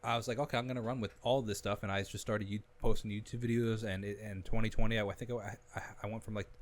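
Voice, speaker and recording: A young man, a musician guest on a podcast, telling his story in a casual, animated way with frequent restarts. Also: on the low side, quick pace. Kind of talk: casual conversation.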